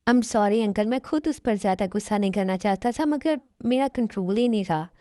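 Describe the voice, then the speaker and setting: A woman's voice: medium pitch, brisk, warm tone, dry recording, clean studio sound, lightly acted. A woman voicing a hot-tempered young husband who speaks tensely and apologetically in a fan-made dub drama. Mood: apologetic.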